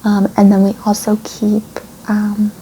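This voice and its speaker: A woman speaking in a soft, breathy near-soft voice in an ASMR role-play as a gentle, polite and reassuring librarian. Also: mid-range voice, monotone, a little slow, a little hiss or hum, poor audio. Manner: polite, reassuring, gentle customer-service phrasing. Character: gentle, helpful female librarian. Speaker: ASMR creator playing a librarian.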